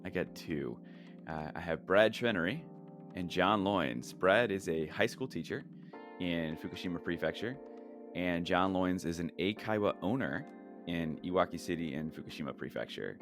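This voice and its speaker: Deep-voiced male podcast host over faint music. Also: expressive, normal speed. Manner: upbeat, joking. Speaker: podcast host introducing guests. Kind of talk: casual podcast intro and interview.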